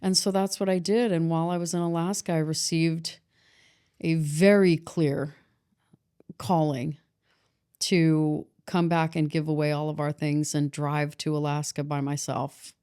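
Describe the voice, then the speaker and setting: A middle-aged woman, a podcast guest and author, telling a painful personal story in a halting way, often restarting and getting emotional. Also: deep voice, level tone, mellow, smooth.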